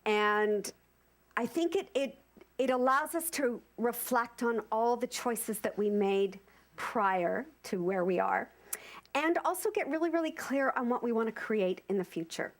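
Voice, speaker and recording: A woman in her fifties giving an informal sermon to a congregation, animated and repeating phrases for emphasis. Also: fairly high pitch, a little slow. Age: 50s. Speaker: speaker at a spiritual center service.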